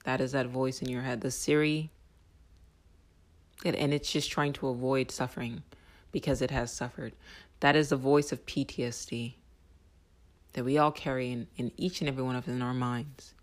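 Vlogger, spiritual monologue, intense, casual swearing, sudden soft whispers. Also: mid-range voice, fairly even intonation, moderate pace, pauses often. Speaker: self-help vlogger.

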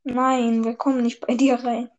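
High-voiced woman in gaming chat. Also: flat delivery, normal speed, a little mellow, slight background noise. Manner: slangy, teasing, laughs often. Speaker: gamer.

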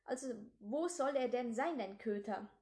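A woman's voice: a little high, animated, normal speed, darkish tone, lightly acted. A woman voicing a bossy young gang leader who taunts and threatens in a storybook reading. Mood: taunting.

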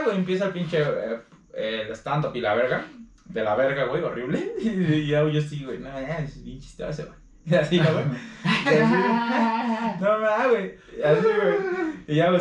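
Slangy, laughing young Mexican man. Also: a little high. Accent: Mexican Spanish. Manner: slangy, animated, laughs a lot. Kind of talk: casual chat, storytelling. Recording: roomy, distant mic.

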